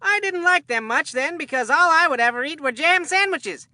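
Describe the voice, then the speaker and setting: Abner Dubbleplay, high bright boy baseball commentator. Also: animated, moderate pace, no echo. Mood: earnest, folksy. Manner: folksy, earnest showman delivery. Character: excitable food-loving boy baseball play-by-play commentator. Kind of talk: cartoon sports commentary.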